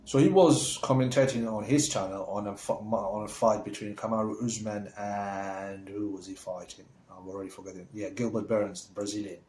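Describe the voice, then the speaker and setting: A man's voice: lowish voice, steady tone, moderate pace, hardly any pauses, a little mellow, slight background noise. A man from Somalia talking casually to camera as a vlogger. He rambles in a chatty way, with many fillers and restarts, and turns enthusiastic when he praises someone. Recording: roomy echo.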